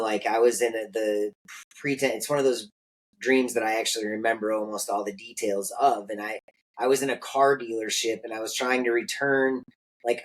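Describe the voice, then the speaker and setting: A man of ordinary pitch hosts a podcast and tells a story in a casual way. He is animated and acts out the lines he quotes. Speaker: podcast host.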